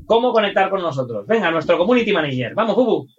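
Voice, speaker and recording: A man's voice: sits high, sing-song, fast. A man hosting a podcast in a conversational presenting style. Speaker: podcast host. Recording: dull, lo-fi microphone sound.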